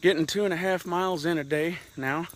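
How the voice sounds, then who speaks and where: A man's voice: a little high, steady tone, brisk. A middle-aged man in a casual, rambling walk-and-talk monologue, slightly winded as he walks outdoors. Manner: rambling, reflective, talking while walking. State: slightly winded from walking uphill. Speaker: vlogger.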